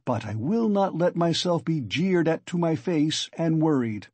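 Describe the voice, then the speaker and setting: A man's voice: a little high, expressive, unhurried, a little mellow, no echo, voice pushed up. A man voicing a proud, agitated male suspect in an audiobook, speaking distinctly with defiant indignation. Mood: indignant. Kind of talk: audiobook character acting.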